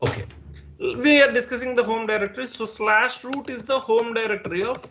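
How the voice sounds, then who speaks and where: A man's voice: very high-pitched, steady tone, a little fast, bright, forceful tone, slight background noise. A man with an Indian English accent teaching a live online class, patiently repeating points and checking that students understand. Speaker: instructor.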